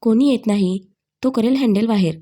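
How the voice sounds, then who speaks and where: A woman's voice: fairly high pitch, normal speed, mellow, close to an everyday voice. A woman doing a playful, bold young woman.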